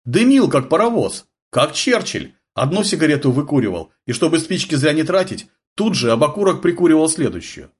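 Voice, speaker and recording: A man's voice: on the high side, big pitch swings, brisk, few pauses, husky, voice pushed up. A man doing a chatty, jovial army ensign. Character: chatty male army ensign, easygoing storyteller. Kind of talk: audiobook character voice.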